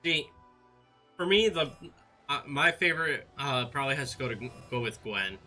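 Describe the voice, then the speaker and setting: A man in a casual gaming chat, laid-back and a little hesitant, with drawn-out fillers. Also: medium pitch, expressive, sharp tone. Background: faint background music.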